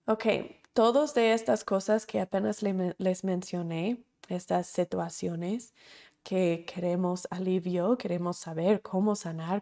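A woman teaching a recorded course in speech. Her voice carries a gravelly vocal fry at an ordinary middle pitch. She talks earnestly and repeats her key points with emphasis. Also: warm tone. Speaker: course instructor.

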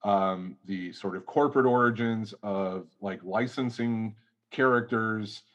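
Low-voiced man rambling through academic ideas. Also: unhurried, fairly bright tone, lo-fi sound. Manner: rambling academic explaining, many hedges. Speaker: guest toy researcher. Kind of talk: casual podcast chat.

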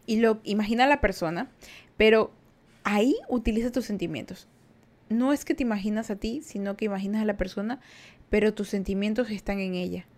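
A woman hosts a podcast and talks loosely about energy and empathy with her listeners. Her voice sits at an everyday middle pitch, and she chats in an animated, informal way. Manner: animated, mimics people in a high put-on voice. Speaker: podcast host. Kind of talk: casual spiritual advice chat.

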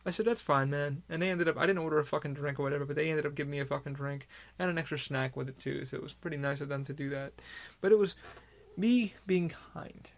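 A man's voice: fairly high pitch, fairly even intonation, very fast, gravelly. A man hosting his own podcast in a rambling, heavily profane casual monologue. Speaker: podcast host.

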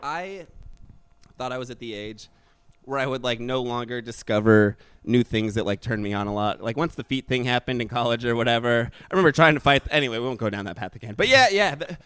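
A man's voice: mid-range voice, fairly quick, fairly bright tone, clean tone, dry recording. A young man co-hosting a casual comedy podcast, rambling and joking, often trailing off mid-sentence and laughing. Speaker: podcast co-host.

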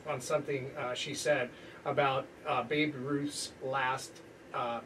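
A man's voice: mid-range voice, little pitch movement, slow pace, fairly bright tone, far from the mic. Male podcast host, casual sports chat, rambling, heard from off-mic with faint noise. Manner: rambling, lots of restarts and laughter.

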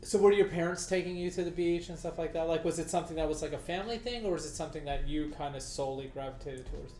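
A man's voice: fairly high pitch, fast talker. A man hosting a podcast, talking casually with lots of fillers as he introduces an interview and asks questions. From Southern California. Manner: relaxed, filler-heavy rambling. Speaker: podcast host.

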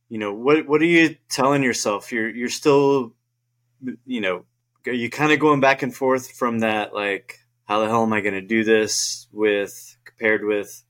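A man hosting a podcast, asking questions in a casual, halting way with many restarts. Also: medium pitch, a bit bright. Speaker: podcast host. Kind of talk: casual interview.

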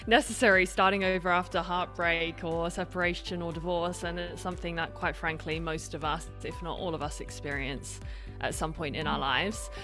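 Speaking over music, a woman in her thirties with a blend of Australian and British accent, from both Australia and Britain, talks at normal speed in a lowish, fairly even voice. She's a podcast guest in a conversational interview, telling her story openly and reflectively, often restarting her sentences.

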